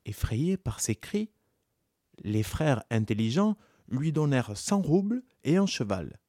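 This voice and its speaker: A man narrating a folk tale in a calm, measured storytelling manner. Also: medium pitch, dry recording, clean studio sound.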